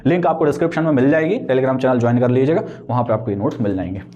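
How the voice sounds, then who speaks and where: A young exam coaching vlogger gives casual, explanatory advice on exam prep, racing along in a medium-pitched, dark voice over dull audio. He talks conversationally, checks in with frequent tag questions, and mixes English terms into Hindi.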